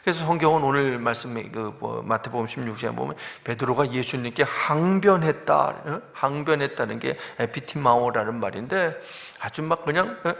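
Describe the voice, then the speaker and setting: Gravelly-voiced male pastor preaching. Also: a little high. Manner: emphatic, dramatic rises and drops in loudness. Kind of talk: sermon.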